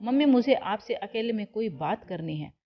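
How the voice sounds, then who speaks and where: A woman voicing a gentle young wife who speaks softly and pleadingly in a read-aloud family story. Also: mid-range voice, animated, moderate pace, highs cut off. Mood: plain. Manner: soft, pleading.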